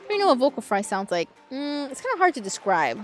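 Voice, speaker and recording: A woman chatting casually and playfully to viewers as she streams a game, with some vocal fry in her voice. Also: sits high, very animated, fast. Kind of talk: casual livestream chat over gameplay. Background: game music.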